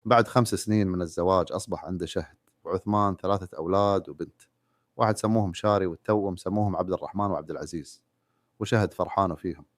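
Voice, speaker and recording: A man narrating a sad story in a rapid, even reading. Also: sits low, no room sound, studio quality.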